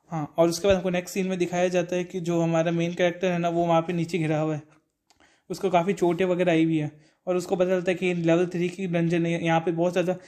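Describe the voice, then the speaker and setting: A man's voice: high voice, a little mellow. A young man casually retelling an anime episode, rambling and quoting the characters' lines as he goes. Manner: rambling, retells dialogue in quotes. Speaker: anime recap narrator. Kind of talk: casual spoken anime recap.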